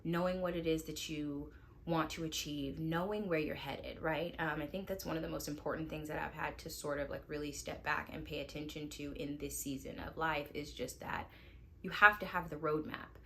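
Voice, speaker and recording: Low-voiced woman vlogging casually at home. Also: slight background noise. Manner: relaxed, chatty, lots of "like" fillers. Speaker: lifestyle vlogger and mom. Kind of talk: casual vlog chat to camera. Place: at home indoors.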